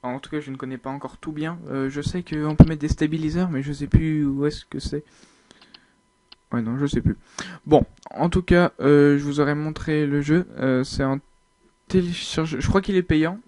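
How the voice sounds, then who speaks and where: Hesitant man narrating gameplay, mellow voice. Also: fairly high pitch, normal speed, dry recording. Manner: hesitant, thinking aloud with many fillers. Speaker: video game uploader. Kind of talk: casual gameplay commentary.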